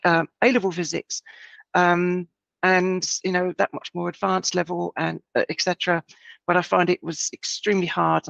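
A woman giving an astrophotography presentation with her gruff early-morning voice, talking in a halting way with many ums and restarts. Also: deep voice, no room sound, highs cut off. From United Kingdom. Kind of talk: online presentation talk.

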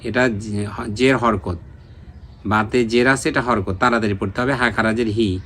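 A man's voice: on the low side, steady tone, normal speed, fairly bright tone, a little hiss or hum. A man teaching Quran recitation online, patiently repeating letter names and drilling pronunciation. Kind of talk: online Quran reading lesson.

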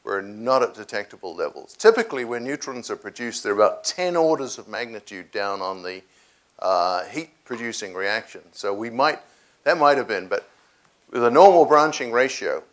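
An older man in a large lecture hall, answering audience questions on a lapel mic, halting with many restarts. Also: mid-range voice, a bit bright. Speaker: guest speaker taking audience questions.

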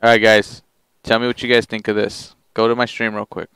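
A man gaming with friends, chatting excitedly over voice chat and swearing a lot. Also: on the low side, fairly quick, gravelly, music in the background, low-quality recording. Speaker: gamer streaming with friends. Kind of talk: casual voice-chat banter.

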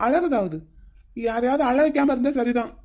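A woman voicing a cheeky young man in a cartoon who talks in a brisk, teasing, chatty way. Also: high voice, warm tone. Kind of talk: cartoon voice acting.

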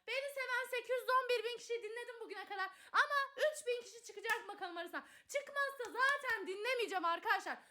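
A young woman live-streaming on her phone, excitably calling out viewers by name and chatting with her audience. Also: very high-pitched.

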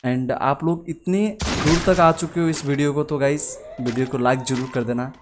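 A young man, hosting a gaming channel and giving chatty, excitable commentary over live gameplay while joking with his viewers. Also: mid-range voice, moderate pace, background noise.

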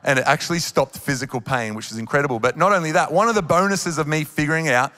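Holding a handheld microphone on a big church auditorium stage, this thirtysomething Australian worship leader preaches earnestly and encouragingly. He talks fast with a fairly high, bright, forceful voice, and the hall's live reverb is audible.

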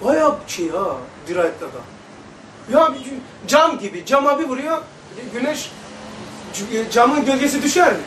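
A man giving an informal religious lesson to a small audience, talking in an animated, chatty way and often turning to address the room directly. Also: extremely high pitch, moderate pace. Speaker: religious teacher. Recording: roomy sound, voice from far off the mic, faint background hum.

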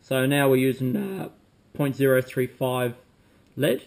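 A man, calmly demonstrating fly tying at a desk at home, talking while he works with frequent ums. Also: medium pitch, measured pace, vocal fry. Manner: relaxed, talks while working, frequent ums. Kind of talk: casual demonstration. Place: home room with bookshelves, indoors.

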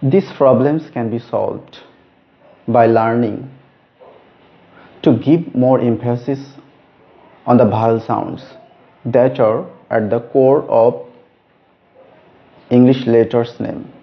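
A man teaching a lesson on letter names, speaking slowly and stressing each letter. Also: medium pitch, gravelly. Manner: slow, deliberate, stresses each letter name. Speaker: English teacher. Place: room with a whiteboard. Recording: dull lo-fi recording.

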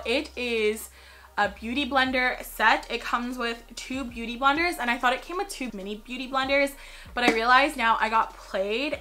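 Young woman beauty vlogger, excitable and slangy, bright tone, slightly high. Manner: chatty, excitable, slangy, self-mocking asides. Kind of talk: casual haul vlog. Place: her home.

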